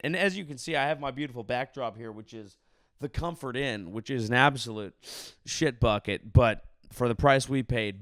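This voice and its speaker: A drunk man delivers a rambling, heartfelt vlog monologue with casual swearing. His mid-pitched voice has plenty of gravelly fry. The sound is dry, with very little room around it. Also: no echo. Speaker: content creator, vlogger. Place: hotel room.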